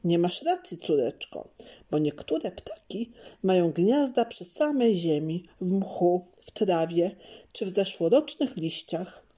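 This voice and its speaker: Woman voicing a gentle teaching father, storybook, measured, mellow, low. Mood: explaining. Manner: calm explaining, measured. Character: patient knowledgeable father explaining nature.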